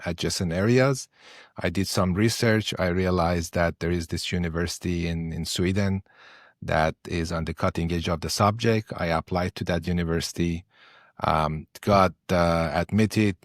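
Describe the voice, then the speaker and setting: Middle-aged man from Iran, low voice, dry close sound, hesitant interview guest. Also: no room sound. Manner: hesitant, many fillers. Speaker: podcast guest, investor and professor. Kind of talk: interview answers.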